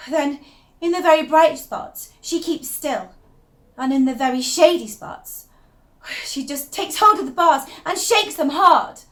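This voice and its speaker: Reading a dramatic first-person monologue, a high-voiced woman portrays an unravelling young wife at an unhurried pace. Her delivery is intense and confiding, shifting between whispered secrecy and insistent, obsessive wonder, as though confessing to a diary. The mood is agitated yet marvelling.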